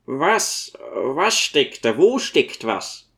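A man voicing a gentle old priest who speaks in a mild, coaxing, earnest way. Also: a little high, big pitch swings, very slow, pitched above the performer's own voice, exaggerated voice. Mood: reasoning. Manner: soothing, earnest, coaxing questions.

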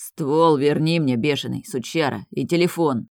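A man's voice: dry recording, studio quality, natural voice. A reader voicing a hot-tempered, foul-mouthed bearded older man who growls and swears. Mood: furious. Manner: growling, deep and slow.

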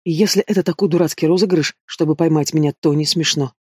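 A doting male dragon ruler with a teasing tone that turns to fluster, as a man reading a storybook puts him on. The voice sits a little high for a man. The sound is dry and close. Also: fairly even intonation, quick pace, breathy edge, no echo. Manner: teasing, then flustered and panicky.

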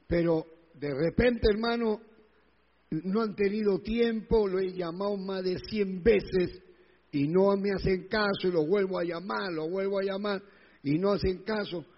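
Un pastor con acento peruano predica con énfasis y repite frases para remarcarlas; su grabación suena apagada y con eco largo de salón. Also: male voice, sits high, steady tone, a little slow. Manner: emphatic, repeats phrases, acts out quoted voices. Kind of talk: sermon. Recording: dull lo-fi sound with long hall reverb.

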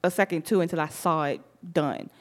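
A young woman co-hosting a radio talk show, chatting in an animated, easygoing way. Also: sits low, fairly quick. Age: young adult. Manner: chatty, animated, laughs easily. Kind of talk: casual chat.

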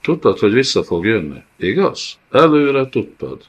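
A man's voice: sits low, animated, lo-fi sound. A man voicing a grim male nomad warrior who talks in curt, skeptical, commanding lines. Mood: accusing.

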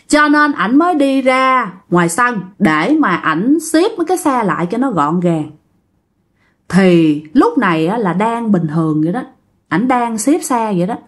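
A woman with a Southern Vietnamese Mekong Delta accent tells a ghost story in a chatty way, speaking directly to her listeners. Her voice is on the high side.

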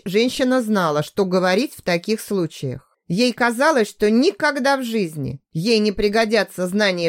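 Woman narrating an audiobook steadily. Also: mid-range voice.

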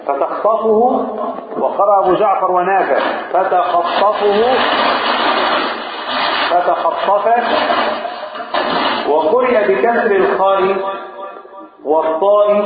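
A high-voiced Egyptian man teaches a mosque lesson, quizzing his listeners and drawing out repeated phrases. He sounds tinny, as if over a phone line, and booms in a very echoey hall. A crowd murmurs behind him. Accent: Egyptian Arabic. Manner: asks the listeners questions and repeats phrases slowly. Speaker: sheikh teaching a religious lesson.

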